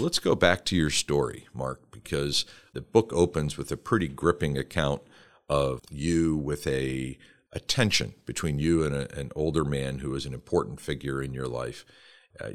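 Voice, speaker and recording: Male host, extremely deep voice, measured and formal, podcast interview. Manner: measured, formal, preacherly phrasing.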